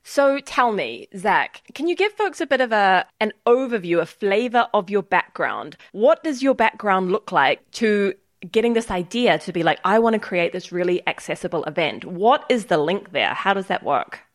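A woman's voice: mid-range voice, sing-song, moderate pace, no room sound, studio quality. A woman hosting a podcast interview, chatting in a bubbly, playful way. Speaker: podcast host. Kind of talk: casual interview chat.

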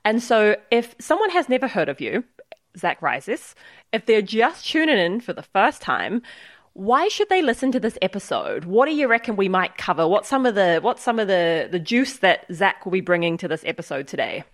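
A woman's voice: medium pitch, sing-song, moderate pace, no echo, clean studio sound. A woman hosting a podcast interview, chatting in a bubbly, playful way. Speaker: podcast host. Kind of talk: casual interview chat.

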